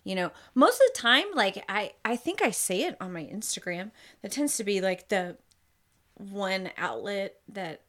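A woman's voice: medium pitch, animated, unhurried, a bit bright. A woman in her thirties, an artist guest on a podcast, chatting casually with a sarcastic, self-deprecating manner.

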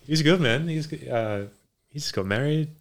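A man's voice: on the high side, animated, moderate pace. A man in a casual chat as a guest, talking in a hesitant, rambling way. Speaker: podcast guest, boxing coach. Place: home garage.

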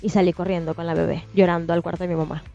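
A woman in her thirties, co-hosting a casual podcast chat, telling a personal ghost story with animated, acted-out detail. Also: on the low side, racing, vocal fry. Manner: animated storyteller, swears it's true, acts out scenes. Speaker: podcast co-host. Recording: dull lo-fi sound with faint music.

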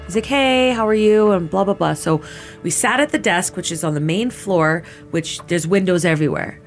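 A woman's voice: lowish voice, fairly quick, faint music behind. A Canadian woman in her thirties giving personal testimony in a casual, filler-heavy way, often quoting herself. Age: 30s. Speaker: interviewee.

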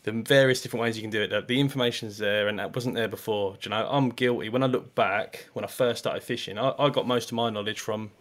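A man's voice: on the low side, quick pace, few pauses. A man with an English accent telling stories in casual chat, acting out the people he quotes. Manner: animated storyteller, acts out quotes.

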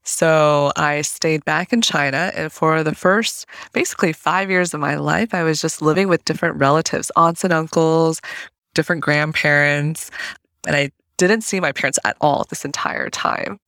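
This is a casual interview chat with a woman in her early thirties from Colorado, in the United States, who guests on a podcast and laughs lightly between thoughts. Her voice is deep and a bit bright, at normal speed. The sound is studio quality, with no room sound.

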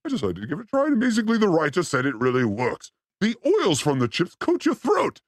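A man hosting a chaotic comedy stream, joking around in a goofy voice that jumps between pitches. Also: wildly swooping pitch, fast, dry recording, clean studio sound. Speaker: host.

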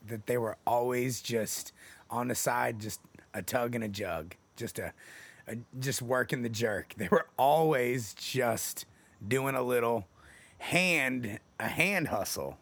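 A man's voice: medium pitch, animated, slow, creaky, a bit bright. A man co-hosting a podcast in casual chat, rambling and laughing often as he jokes crudely. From Texas. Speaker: podcast co-host.

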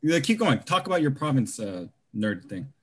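A man's voice: mid-range voice, sing-song, moderate pace, fairly bright tone, husky. A young man hosting a casual podcast, teasing his co-hosts and steering the topics. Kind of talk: casual chat.

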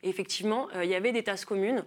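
In a studio interview on a talk show, a woman from Marseille who works as a philosopher and author sets out her ideas. Her medium-pitched speech comes rapid-fire, yet it stays thoughtful and is peppered with frequent "euh"s.

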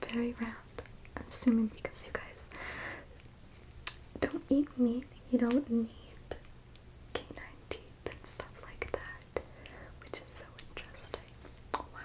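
A curious, gentle alien scientist, played by a woman in a whispered role-play. She whispers slowly and close to the ear, reassuring and softly fascinated, in a high feminine voice. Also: close to an everyday voice, poor audio. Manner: gentle, reassuring, slow and soft-spoken.

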